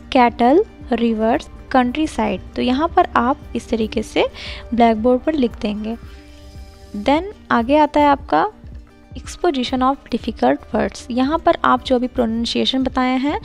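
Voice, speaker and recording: A woman explains a lesson plan step by step as a tutor, moving between Hindi and English. She reads each English phrase slowly and deliberately. Her voice sits fairly high with a gravelly edge, and faint music plays behind her. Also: darkish tone. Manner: slow deliberate reading of English lines. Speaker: teacher-training tutor.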